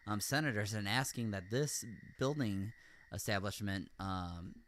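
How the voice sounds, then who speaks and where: Bright-voiced chatty man hosting. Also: lowish voice, measured pace. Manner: chatty, laughs often, with many fillers. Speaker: host. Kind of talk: casual chat. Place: room at home with window open.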